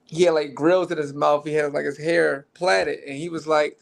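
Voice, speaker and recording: A young man from Baltimore with a Baltimore accent, telling a story in relaxed, rambling casual chat, often restarting his sentences. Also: a little high, moderate pace, gravelly. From Baltimore, Maryland. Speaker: guest.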